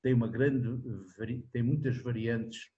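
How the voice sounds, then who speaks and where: A man in his seventies with a European Portuguese accent, answering in a relaxed interview, rambling with restarts and frequent tag questions. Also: medium pitch, a little slow, dull audio. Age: 70s. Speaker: interviewee, singer-songwriter.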